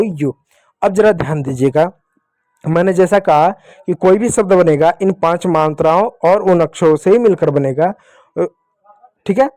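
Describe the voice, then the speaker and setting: A man's voice: high-pitched, dark tone, dry recording. A man with a Hindi accent teaching young children a phonics lesson, patient and repetitive, asking questions and answering them himself. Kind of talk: classroom lesson.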